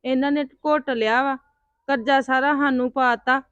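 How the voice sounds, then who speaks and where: A woman playing a sharp-tongued, worried village housewife. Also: high-pitched, fairly even intonation, normal speed, clean tone, muffled recording. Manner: complaining, quarrelsome. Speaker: mother and wife. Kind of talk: homemade village drama acting.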